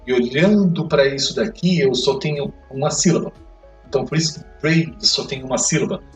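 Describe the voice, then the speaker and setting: A man teaching an English grammar lesson, explaining step by step and checking in with quick questions. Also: mid-range voice. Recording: echoey room, mic far off, faint music.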